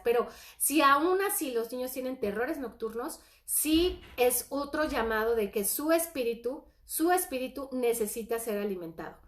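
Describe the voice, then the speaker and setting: Woman, middle-aged, high voice, earnest parenting teacher, echoey room. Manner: earnest, animated, reads scripture aloud. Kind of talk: informal Bible-based parenting talk.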